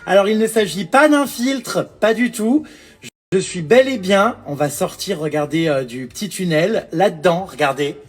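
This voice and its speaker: A man hosting a vlog, giving excited commentary indoors in museum rooms, with exuberant, theatrical exclamations. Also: high-pitched, normal speed. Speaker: vlog host.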